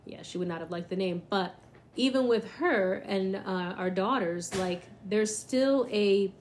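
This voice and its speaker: A woman joins a relaxed podcast conversation and answers with supportive, affirming comments. Her voice sits at an ordinary middle pitch. A faint noise hums under the recording. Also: unhurried. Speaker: podcast co-host. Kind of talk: casual conversation.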